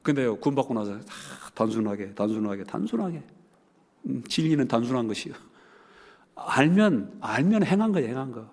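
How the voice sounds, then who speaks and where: A man's voice: medium pitch, very animated, brisk, darkish tone. A middle-aged male pastor with a Jeolla accent, preaching a sermon in a folksy, joking way, full of emphatic rhetorical questions. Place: church sanctuary. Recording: long church hall reverb.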